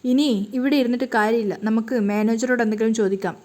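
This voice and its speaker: Woman doing a sharp, playful young heroine in a told story, fast and bright-ish. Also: fairly high pitch, close to an everyday voice. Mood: mischievous.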